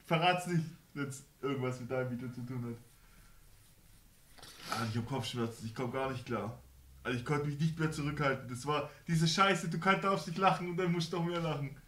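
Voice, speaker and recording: A man's voice: medium pitch, moderate pace, fairly bright tone. A young man chatting casually in slang as host, often breaking into laughter as he talks. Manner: breaking into laughter while talking. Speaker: host of a reaction challenge. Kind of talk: casual chat. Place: small indoor room. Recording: roomy echo, faint background noise.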